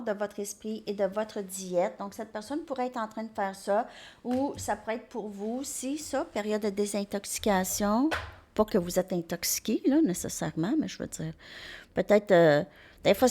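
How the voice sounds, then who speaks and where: A woman's voice: medium pitch, a little mellow. Chatty Québécois woman reading tarot. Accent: Québécois French. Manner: chatty, upbeat, thinks aloud between cards. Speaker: tarot reader. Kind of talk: casual tarot card reading.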